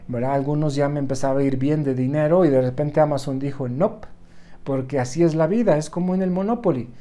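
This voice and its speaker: A man with a Mexican accent gives a casual motivational talk straight to his viewers. His voice is dark and mellow, and he keeps adding a quick "right?" to his sentences as he urges people to keep going. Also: fairly high pitch. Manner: encouraging, talks straight to the viewer. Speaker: motivational vlogger.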